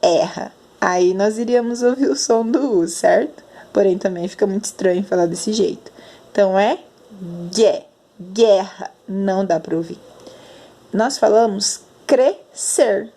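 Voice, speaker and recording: Slow-enunciating Brazilian teacher woman. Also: mid-range voice, warm tone. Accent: Brazilian Portuguese. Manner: slow, drawn-out enunciation of sounds. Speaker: primary school teacher. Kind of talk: explaining lesson to children.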